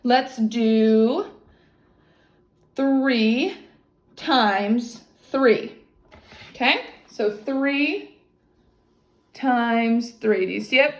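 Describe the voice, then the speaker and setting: A woman's voice: a little high, extremely slow, long pauses. A woman tutoring a child one-on-one, explaining step by step in an encouraging way and often checking for understanding. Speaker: maths teacher tutoring a child. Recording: echoey, roomy sound.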